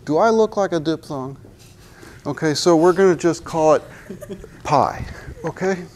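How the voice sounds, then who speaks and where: Wearing a lapel mic, a sixty-something man lectures on physics to a university class in a big hall, cracking jokes and posing rhetorical questions while he strolls to the chalkboard and gestures at it. He speaks unhurriedly in a fairly high, darkish voice.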